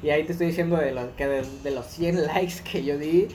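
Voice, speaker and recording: Young guy from monterrey, kinda high voice, animated, laughs a lot in slangy podcast talk. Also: fairly quick. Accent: Mexican, Monterrey. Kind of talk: casual chat.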